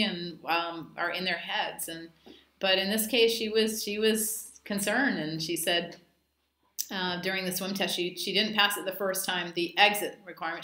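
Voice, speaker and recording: A woman dive instructor talks through a training session in a chatty, anecdotal way, with plenty of ums and asides. Her voice is bright and forward. The room around her is echoey. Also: fairly low pitch. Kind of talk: casual training talk.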